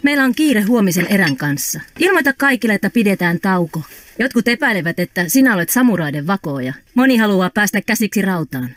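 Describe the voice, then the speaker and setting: A middle-aged woman dubbing the composed female leader of an ironworks town, calm and commanding. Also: mid-range voice, dry recording, lightly acted. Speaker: dub actor. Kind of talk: film dubbing.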